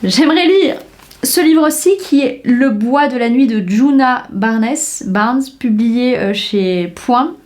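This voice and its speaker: A woman's voice: a little high, slow, darkish tone. Chatty young woman gushing about books. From France. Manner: enthusiastic, chatty, many fillers and restarts. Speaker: book podcaster. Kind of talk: casual book chat.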